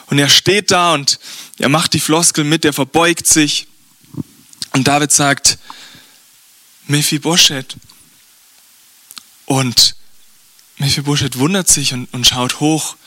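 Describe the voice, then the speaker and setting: A man with a high, bright voice tells a Bible story dramatically. His delivery is vivid and theatrical, and the sound is dry and close to the mic. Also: steady tone, dry recording. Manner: vivid and theatrical, slowing for effect. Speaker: preacher.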